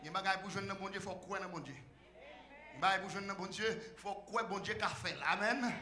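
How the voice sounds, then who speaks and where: A male pastor preaching a fiery sermon, shouting call-and-response to the church, then dropping to quiet asides. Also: sits high, brisk, roomy sound.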